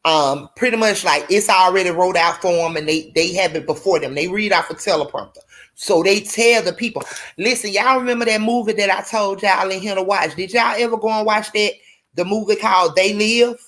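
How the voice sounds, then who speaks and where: A woman's voice: medium pitch, a little fast, a bit bright, low-quality recording. A woman hosting a casual livestream, rambling and speaking straight to her viewers. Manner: rambling, addresses viewers as y'all. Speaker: livestream host.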